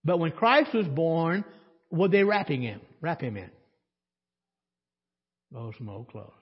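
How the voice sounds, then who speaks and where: A very animated male pastor with a fairly high, breathy voice preaches slowly in a church sanctuary. He keeps it conversational, putting questions to the congregation and throwing in dry sarcasm, while the dull recording carries long church reverb.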